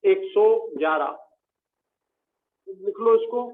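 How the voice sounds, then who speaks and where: A man teaching chemistry, repeating each element name slowly so students memorize it. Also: high-pitched, animated. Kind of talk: classroom lecture. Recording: tinny phone-like audio.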